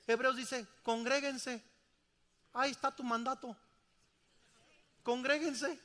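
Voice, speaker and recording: Male pastor, bright ringing tone, long reverb of a church hall. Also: very high voice, fairly even intonation, slow. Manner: emphatic, asks the congregation questions. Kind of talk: sermon.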